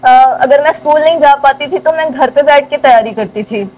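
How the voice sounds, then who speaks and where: A young university student from rural southern Punjab, Pakistan, answers interview questions through a cloth face mask in a Pakistani accent. Her voice is high-pitched and darkish at a moderate pace, on a rough recording with faint ambient noise.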